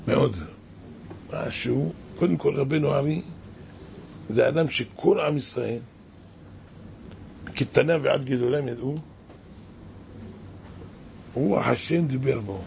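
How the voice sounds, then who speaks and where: Impassioned gravelly man preaching. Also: mid-range voice, pauses often, a little mellow, a little hiss or hum. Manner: impassioned, exclaiming, rhetorical questions. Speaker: rabbi. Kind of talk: sermon.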